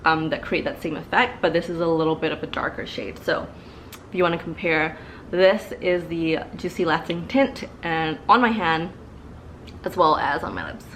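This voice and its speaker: The recording is low quality with slight background noise, carrying a low, somewhat bright female voice at a moderate pace. A beauty vlogger in her twenties, slightly stuffy from allergies, chats through a makeup review from her living room, seated before a couch, with many fillers and repeated words.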